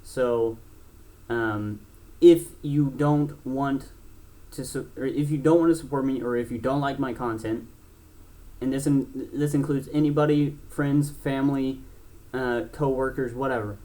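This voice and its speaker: A blunt young man in his twenties talks straight to camera as a gaming channel host. His delivery rambles, full of fillers and restarts, and he swears freely. His voice sits at an ordinary middle pitch for a man. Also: steady tone, a little slow, mellow. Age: 20s. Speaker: gaming YouTuber. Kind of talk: casual talk to camera.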